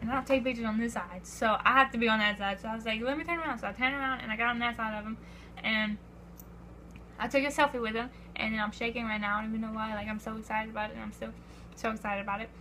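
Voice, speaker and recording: A teenage girl telling an excited vlog story, breathless and full of "I was like", acting out quotes. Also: fairly high pitch, fast, a little hiss or hum. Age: teens. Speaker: vlogger.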